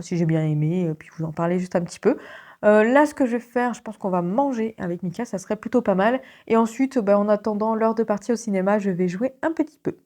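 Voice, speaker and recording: A young woman from Belgium talks casually to her viewers about her reading. She speaks at a middle pitch, with plenty of small hesitations, and she giggles often. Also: dark tone. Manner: chatty, many hesitations, frequent giggles. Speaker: book vlogger. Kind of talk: casual vlog chat.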